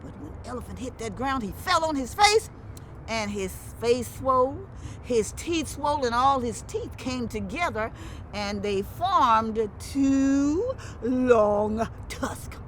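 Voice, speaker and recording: A woman storyteller with a Lowcountry Gullah Geechee accent tells a folktale in a high voice. Her delivery is theatrical and very lively, leaning on repeated phrases. There is clear noise around her. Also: normal speed. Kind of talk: animated oral folktale telling. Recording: clearly noisy background.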